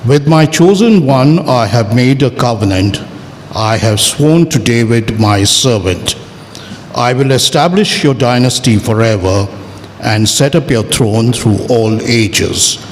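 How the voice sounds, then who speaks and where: A male lector delivers formal scripture at a deliberate, slow pace. His voice carries a long cathedral echo, over faint background noise. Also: mid-range voice, animated. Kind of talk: formal scripture reading at Mass.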